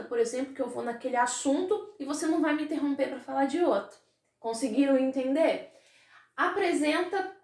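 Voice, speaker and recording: A Brazilian woman teaching a class, her voice sitting high. She explains patiently and keeps checking that the pupils follow. The room is roomy and echoing around her. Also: a little mellow. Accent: Brazilian Portuguese. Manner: explains with questions and tag words to pupils. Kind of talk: classroom lesson.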